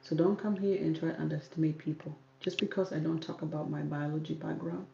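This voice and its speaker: Her low, warm, gravelly voice barely moves in pitch, and she talks fast. She's a young South Sudanese woman raised in Kenya who runs a YouTube hair channel, replying firmly to livestream comments and repeating herself for emphasis, in roomy, dull audio with a faint hiss of noise.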